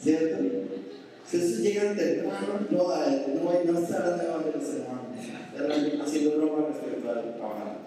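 Spanish lady pastor preaching, warm mellow tone, sounds far off in a big echoey church. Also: deep voice, normal speed, slight background noise. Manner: storytelling, acts out pleading prayers. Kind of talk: sermon.

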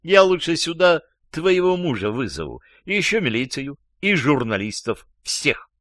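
A man's voice: fairly high pitch, big pitch swings, moderate pace, a bit bright, dry recording, studio quality, voice pushed up. A man doing a sarcastic, jeering jealous lover. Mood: gloating. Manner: sarcastic, gloating, laughing wildly.

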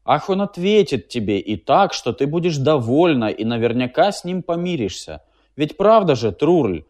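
A man's voice: sing-song, normal speed, darkish tone. A man voicing an anxious male inventor who pleads and placates in a raised voice. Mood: soothing. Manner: high, pleading, soothing.

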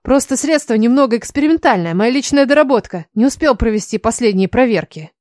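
A nervous male court healer explains his work in a fussy, businesslike manner, as a woman reads him in a storybook. The voice is fairly high and the recording dry. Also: animated, fairly quick, a little mellow, dry recording, lightly acted.

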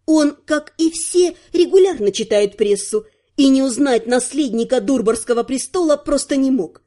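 Brief: female audiobook narrator, high and mellow, expressive first-person fantasy reading. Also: moderate pace.

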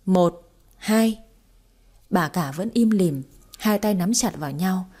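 Mellow husky woman narrating. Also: fairly low pitch, animated, moderate pace. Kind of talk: audiobook narration.

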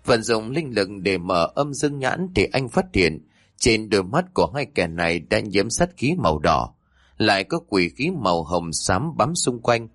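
A man narrating a ghost story in an expressive, dramatic way. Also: on the low side, normal speed, no room sound, studio quality.

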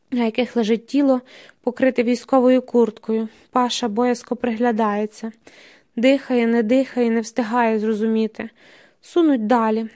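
A woman reading literary prose aloud, steady and measured with tense dramatic emphasis. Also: on the high side. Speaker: audiobook narrator. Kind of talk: scripted literary narration.

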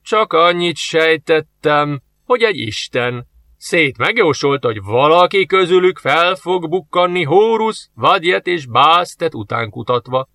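A man voicing a gruff, scornful male soldier who speaks in a drawn-out, mocking way. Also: fairly high pitch, lively intonation, pushed and bright, no room sound, pitched above the performer's own voice. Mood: insistent.

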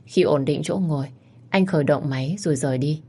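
A woman narrating a romance story as a storyteller, in a steady, even manner. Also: sits low, a little fast, breathy edge.

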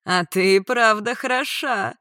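A woman voicing a menacing male villain who speaks in slow, drawn-out, loud threats. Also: mid-range voice, no room sound, studio quality. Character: menacing predatory young man, villain.

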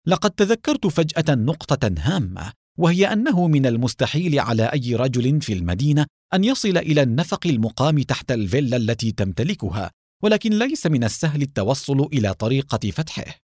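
A composed police captain, read by a man narrating reasons aloud in a calm, even-paced manner with a lively melody. The voice sits close in a dry recording. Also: medium pitch, no echo. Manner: calm and measured.

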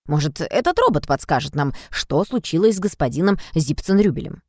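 A woman's voice: low voice, big pitch swings, brisk, a little mellow, dry recording, clean studio sound, exaggerated voice. A woman voicing an impatient, earnest young boy detective in a storybook. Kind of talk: storybook reading.

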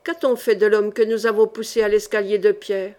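A woman's voice: mid-range voice, flat delivery, brisk, a little mellow, lightly acted. A woman reading the part of a stammering henchman gasping with horror, in an audiobook. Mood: panicked. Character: stammering panicked henchman, Guine.

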